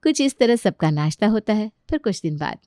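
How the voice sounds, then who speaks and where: A woman narrating a cartoon family story in a plain, even way. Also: mid-range voice, fairly quick, no room sound, studio quality.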